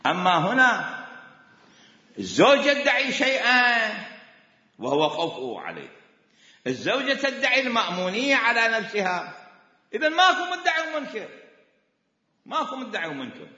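A man's voice: very high voice, huge pitch swings, moderate pace, pauses often, sharp tone. A man with an Iraqi accent teaching a class on religious law, repeating his points with emphasis as he explains. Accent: Iraqi Arabic. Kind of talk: classroom lecture. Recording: echoey hall, dull lo-fi sound.

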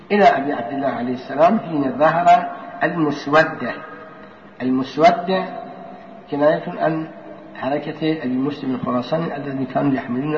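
A man giving a religious lesson, reading old narrations and explaining them line by line in a steady, deliberate way. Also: medium pitch, background noise. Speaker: religious teacher. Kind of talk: hadith lesson. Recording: echoey room, dull lo-fi sound.

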